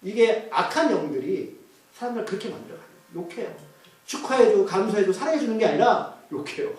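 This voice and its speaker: Animated male pastor in an echoey hall. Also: high-pitched, quick pace. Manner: animated, questions the congregation often. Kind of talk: sermon. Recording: echoey church hall from far off.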